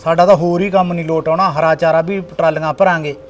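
A man's voice: on the high side, steady tone, quick pace, a little hiss or hum, natural voice. A man playing a grown village son, scolding and bossy in tone. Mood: persuading. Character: grown village son organizing flood relief. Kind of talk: village short film acting.

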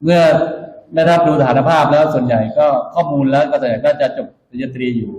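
A man with a mid-range, darkish voice speaks quickly as a military officer orienting new recruits. He's instructive and emphatic, repeating key points to motivate them. The room is echoey and the sound dull and muffled.

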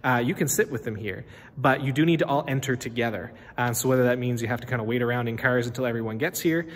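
A man's voice: mid-range voice, quick pace. A man in his thirties, a pastor, chatting casually with many fillers and restarts as he walks through an empty church, filmed on a phone at arm's length. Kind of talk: casual walkthrough video. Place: inside an empty church building. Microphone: phone held at arm's length. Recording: reverberant hall with faint ambience.

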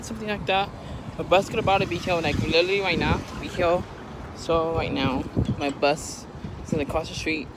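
A young man chatting casually to his phone held at arm's length, rambling and correcting himself as he walks outdoors and rides the bus. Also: a little high. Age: young adult. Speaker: vlogger. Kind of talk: casual vlog. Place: outdoors on streets and on a city bus. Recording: loud street and bus noise.

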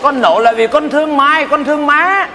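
A man's voice: extremely high pitch, moderate pace, bright, forceful tone, some chatter behind, full character voice. An actor playing a boastful aging overseas husband, lecturing his family in a live stage comedy. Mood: blustering. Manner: blustering, lecturing, self-justifying. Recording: live stage, hall reverb, audience noise.

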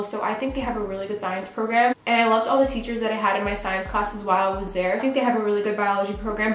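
A woman's voice: medium pitch, reverberant, rough recording. A young woman from New York chatting casually while doing her makeup at home, filling her talk with "like". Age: young adult. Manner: chatty, lots of "like" fillers. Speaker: beauty vlogger. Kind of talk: get-ready-with-me chat. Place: bathroom at home.

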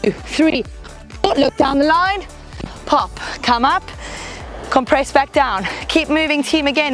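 A woman fitness instructor leading a workout, cheering on and counting down reps, a bit out of breath from moving along, with a mic close to her mouth. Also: sits high. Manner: upbeat, encouraging, counting down reps. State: slightly out of breath while exercising. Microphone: headset or clip-on mic close to mouth.

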